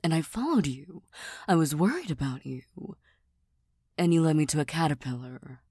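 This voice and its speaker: A woman playing a tired, serious young cat girl who doubts herself, in a soft, breathy ASMR role-play with a deadpan, gently teasing manner. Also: low voice, moderate pace, dry recording, clean studio sound, exaggerated voice. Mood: wry, reluctant.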